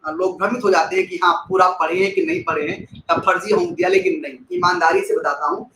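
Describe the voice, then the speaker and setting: High-voiced man teaching a live class. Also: fast, creaky, roomy sound, a little hiss or hum, rough recording. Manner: expressive, repeats key phrases, thanks viewers by name. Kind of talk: live online class with chat replies.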